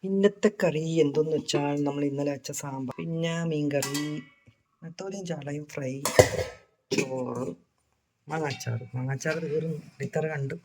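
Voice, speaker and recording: Hoarse low-voiced woman vlogging at home. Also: moderate pace, heavy background noise. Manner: chatty, calls out loudly to her daughter. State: hoarse from a sore throat. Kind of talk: casual home vlog chat. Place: home, indoors.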